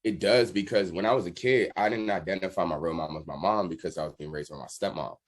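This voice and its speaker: A deep-voiced American man from the Washington DC area talks fast as a guest in a casual interview. A drummer, he tells stories in a candid, slangy way.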